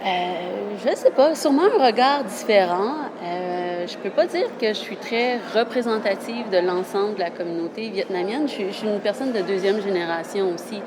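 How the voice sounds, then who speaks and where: With a crowd audible behind her, a Québécois journalist in her thirties gives a casual interview, talking earnestly at a normal speed with few pauses. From Quebec, she has a mid-range voice and frequently restarts her phrases.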